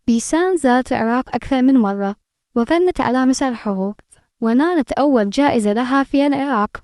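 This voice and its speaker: A woman narrates a scripted tribute in a high-pitched voice. Her delivery moves along quickly, and the sound is dry and close. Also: animated, darkish tone, no echo.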